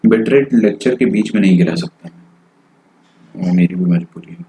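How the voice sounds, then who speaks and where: A maths teacher with an Indian accent and a somewhat low voice works through a problem out loud during a live online lecture. He mixes English phrases into his explanations and keeps checking in with his students through short tag questions, close to his mic. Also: normal speed, rough recording. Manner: thinks aloud while solving, mixes in English phrases.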